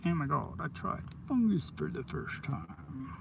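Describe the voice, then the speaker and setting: A man chatting casually on a live stream in his van, rambling and excitable, full of "dude" and "oh my God", sounding stoned. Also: on the high side, a little slow, vocal fry, far from the mic, background noise. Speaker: coin roll hunter streaming live.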